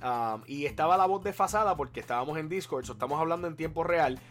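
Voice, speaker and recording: Loud teasing man, slightly high voice. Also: quick pace, faint music behind. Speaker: podcast co-host. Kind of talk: casual gaming chat.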